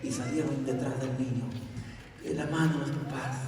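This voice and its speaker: A male preacher telling a story in a sermon, animated and calling on the congregation to repeat after him. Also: medium pitch, normal speed, over music. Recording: echoey hall, voice from far off.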